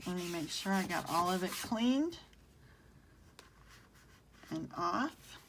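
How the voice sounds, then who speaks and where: A craft demonstrator from the southern United States, speaking with a Southern American accent, chats with viewers and answers their comments as she works through a live craft tutorial. Her lowish, fairly bright voice is very animated yet slow-paced, with a little hiss or hum in the audio.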